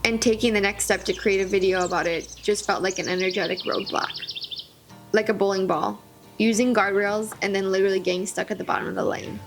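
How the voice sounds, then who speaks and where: A woman vlogger telling a personal story in an expressive, wry way with comic asides. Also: mid-range voice, fairly quick, soft background music. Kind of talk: storytelling narration.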